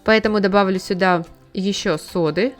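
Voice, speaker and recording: A woman talks through a household cleaning task in a calm, instructive voice-over, one step at a time. Her pitch sits in an ordinary middle range. Soft music plays faintly behind her. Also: normal speed. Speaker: home cleaning tips host. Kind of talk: scripted how-to voice-over.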